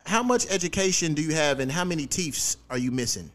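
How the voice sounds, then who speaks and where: A man's voice: fairly high pitch, animated, a little fast, crowd noise. A man hosting a podcast, chatting casually and comedically in slangy, profane, teasing talk. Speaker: podcast host.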